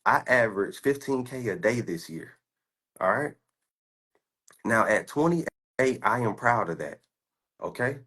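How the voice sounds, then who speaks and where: A man's voice: lowish voice, a bit bright, breathy edge. A man in his twenties from the United States, a stock trader giving a boastful, profane, confrontational rant while showing his screen. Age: 20s.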